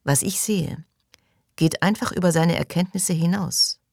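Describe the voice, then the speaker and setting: A woman playing a withdrawn young mystic for an audiobook, speaking slowly in a hushed, distant tone. The voice sits very low and the recording is dry and close. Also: creaky, no echo. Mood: earnest. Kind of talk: audiobook reading.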